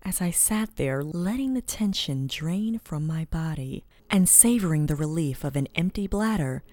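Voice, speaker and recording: A woman reads a first-person story aloud with dramatic expression, her fairly low voice swinging widely in pitch. She often sinks into a hushed whisper mid-sentence. The recording is close and dry. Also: expressive, normal speed, no echo.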